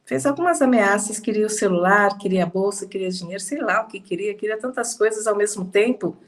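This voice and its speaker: A woman with a Brazilian Portuguese accent telling a personal testimony in a slow, emphatic conversational way, slightly congested. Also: medium pitch. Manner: slow, emphatic, with pauses and soft laughs. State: slightly congested, fighting sneezes. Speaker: testimony speaker.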